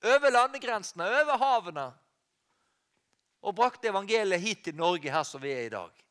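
A Norwegian man preaching a sermon in a high, lively voice that swoops up and down. He talks to the congregation directly, breaks off to fix his own words, and climbs to loud cries at the peaks. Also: clean tone. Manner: animated preaching, rising to loud cries, with restarts and self-corrections.

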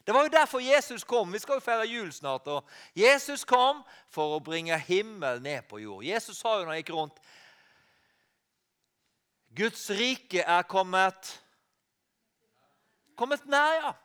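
Animated high-voiced Norwegian preacher. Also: male voice, few pauses, smooth. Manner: animated preaching, rising to loud cries, with restarts and self-corrections. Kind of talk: sermon.

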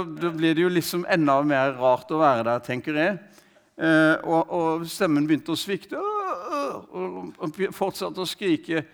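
A man preaching, telling a story in a conversational, hesitant way with many fillers and restarts, and quoting the man he speaks of. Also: fairly high pitch. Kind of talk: sermon storytelling.

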